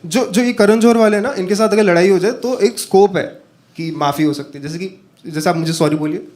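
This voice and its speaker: A man's voice: high-pitched, a little fast. A man from northern India doing a stand-up comedy set, telling stories and talking to the audience. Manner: animated storytelling, talks to the audience. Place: comedy stage with a live audience.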